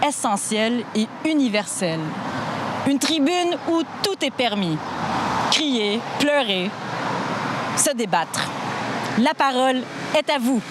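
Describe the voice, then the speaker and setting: A young woman with a Québécois accent hosting a street show, brisk and playful as she introduces it and questions passers-by. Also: high voice, animated. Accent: Québécois French. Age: young adult. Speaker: street interviewer and show host. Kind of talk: scripted intro and street interviews. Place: outdoors on a city street. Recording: noisy outdoor street recording. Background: traffic noise.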